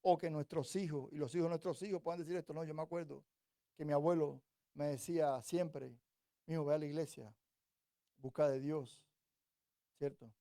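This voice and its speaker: Male preacher from Cuba, sermon, fairly high pitch, mellow tone, rhetorical questions to the congregation. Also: fairly even intonation, no echo, clean studio sound. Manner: conversational, rhetorical "¿cierto?" checks; builds to louder, slower emphasis on scripture.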